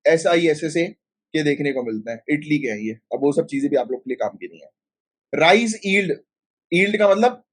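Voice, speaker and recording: A north Indian man teaching a live online class for civil service exams, talking in a chatty, filler-heavy way. His voice sits a little high for a man. He slips English terms into his talk and keeps firing quick questions at his students. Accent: Hindi-speaking north Indian. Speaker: exam coaching teacher.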